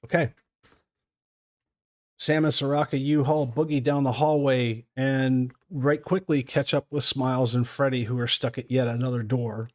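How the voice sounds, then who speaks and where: A man runs a tabletop role-playing game as its game master. His voice sits at a medium pitch as he narrates scenes and puts questions to players. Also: little pitch movement, moderate pace.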